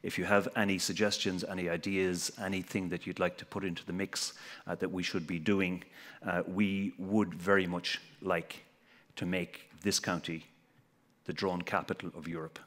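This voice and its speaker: A man's voice: deep voice, level tone, normal speed, a bit bright. A middle-aged man from Galway with a west of Ireland accent, giving a wry, informal welcome speech from a stage. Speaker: conference speaker. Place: large hotel ballroom, on stage. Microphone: headset. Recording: reverberant large hall.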